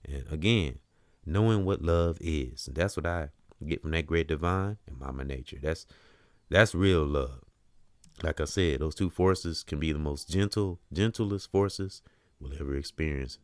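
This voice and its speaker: A man's voice: extremely low pitch, a little slow, dry recording, clean studio sound. A man hosting a show, talking earnestly in a preachy, spiritual way and dropping "you know" often. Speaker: host. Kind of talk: spiritual talk-show monologue.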